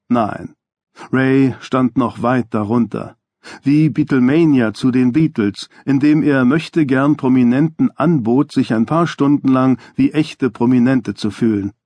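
Measured male audiobook narrator, dry studio. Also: mid-range voice, a little mellow, no echo.

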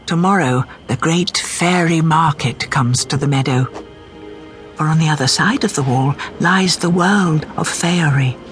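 An actor serves as the all-knowing narrator of a fairy tale in a scripted radio drama, storytelling in a measured way. His mid-range voice is natural and fairly bright, paced steadily, with music playing underneath.

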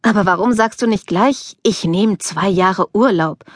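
A woman narrator voicing a sharp-tongued, idealistic young woman student with a wry, teasing manner, in an audiobook. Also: mid-range voice, unhurried, no echo, clean studio sound, close to an everyday voice.

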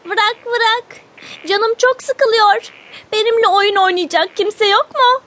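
Woman doing a tiny, high-pitched whiny frog. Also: a bit bright, exaggerated voice. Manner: very high, slow, childlike. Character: small lonely young frog, whiny. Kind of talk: children's audiobook reading.

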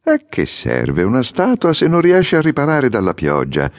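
A man's voice: medium pitch, wildly swooping pitch, moderate pace, creaky, voice pushed up. A man voicing a fussy young male swallow, proud and complaining, in an audiobook fairy tale. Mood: indignant. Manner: peevish, exclaiming. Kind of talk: audiobook character reading.

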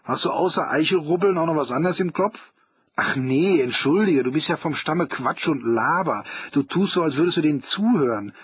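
Man playing a loud-mouthed teenage boy, mocking, raised husky voice, slightly dull recording. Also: on the high side, animated, normal speed, dry recording. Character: brash crude teenage schoolboy.

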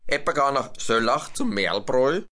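A man's voice: medium pitch, animated, normal speed, bright, forceful tone, pitched above the performer's own voice. A man voicing a stern male elephant in a storybook reading, firm and scolding. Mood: questioning.

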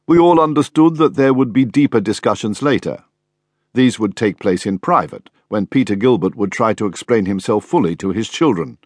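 A man narrating an audiobook in the first person with a wry, measured delivery. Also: medium pitch, dry recording, studio quality.

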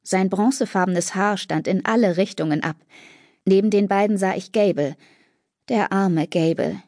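A woman reads a first-person fantasy audiobook in a steady, even storytelling voice. Her pitch sits in an ordinary middle range. The recording is close and dry, with no room sound. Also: normal speed, no echo. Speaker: audiobook narrator. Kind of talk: first-person scripted narration. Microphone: close studio mic.

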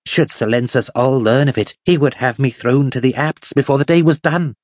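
A man voicing a greedy, fearful little old male miser with a shrill, querulous voice, in an audiobook reading. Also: moderate pace, no room sound, clean studio sound, natural voice. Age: older. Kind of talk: audiobook character voice.

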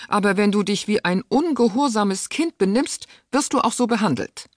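A woman's voice: medium pitch, expressive, moderate pace, no room sound, studio quality, voice pushed up, lightly acted. A woman voicing a stern, disdainful aristocratic aunt who speaks sharply and impatiently. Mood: cold, scornful.

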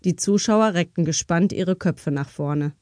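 A woman reading a crime novel aloud as an audiobook narrator, in measured, even storytelling. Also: fairly low pitch, no room sound, studio quality. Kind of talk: scripted narration.

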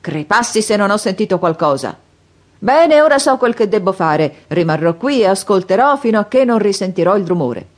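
A woman voicing a wary, suspicious grown man who calls out loud and startled in a storybook reading. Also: mid-range voice, sing-song, normal speed.

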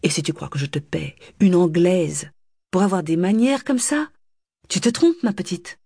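A woman's voice: lowish voice, sing-song, moderate pace, vocal fry, warm tone, husky, dry recording, full character voice. Woman doing a cranky scolding mom from a storybook, nagging and snappy, dry close sound. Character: irritable scolding nouveau-riche mother. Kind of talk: audiobook character voice.

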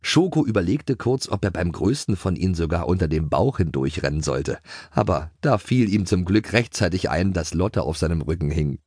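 A man narrating a children's audiobook in a playful, expressive way. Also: low voice, moderate pace, breathy edge, no echo, studio quality.

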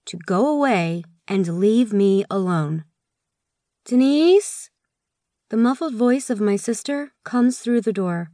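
A woman's voice: mid-range voice, a little mellow, dry recording, clean studio sound. A woman narrating a first-person short story as an audiobook, in a weary, subdued voice. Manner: weary, subdued inner monologue.

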